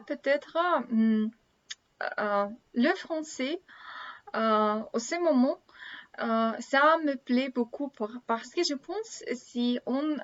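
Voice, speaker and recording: A woman in her thirties from Russia, a native Russian speaker with a Russian accent, talks casually to camera in learner French, haltingly searching for words. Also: on the high side, a bit bright. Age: 30s. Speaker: language-learning vlogger. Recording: dull lo-fi sound.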